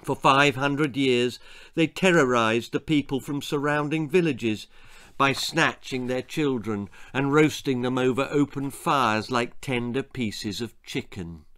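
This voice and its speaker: Seated in a small room lined with books, with music playing, a man in his sixties reads his children's horror-comedy story as its author. His mid-range voice has a fairly bright tone, theatrical and relishing the gruesome details.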